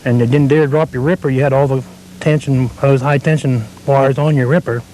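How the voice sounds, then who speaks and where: A man who operates heavy equipment, telling his story in a plain, halting way, heard from a worn VHS tape copy. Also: medium pitch, fairly even intonation, dark tone, poor audio. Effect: worn VHS tape copy with faint hiss. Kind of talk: interview answers.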